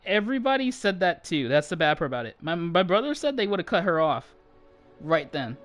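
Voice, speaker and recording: A young man telling a story in a loose, animated way, his pitch swinging widely from line to line. He swears freely and breaks into laughter, like someone chatting to viewers while gaming. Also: brisk, faint music behind. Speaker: channel host.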